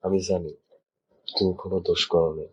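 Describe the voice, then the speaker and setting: A soft remorseful husband, low and husky. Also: male voice, fairly even intonation, a little fast, muffled recording.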